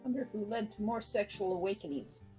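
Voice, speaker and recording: A woman with a very husky voice giving casual, chatty commentary alongside a game. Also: mid-range voice, lively intonation, fairly quick, dark tone, faint music behind, rough recording.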